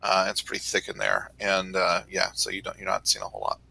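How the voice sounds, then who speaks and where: A man narrates a tabletop game as game master, his voice low-set but strikingly bright. He gropes for words, pausing on "um" and "uh" as he describes the scene to the players. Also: monotone, vocal fry, rough recording. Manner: hesitant, filler-heavy narration.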